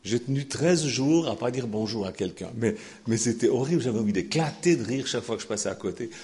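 Animated older man preaching in a chapel. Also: mid-range voice, brisk. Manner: warm, expressive preaching with laughter and sudden shifts between loud and hushed. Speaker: pastor. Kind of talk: sermon.

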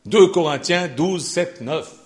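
An older man preaching a sermon, sarcastic and animated, dropping to low asides and rising to shouted peaks. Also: takes it slowly.

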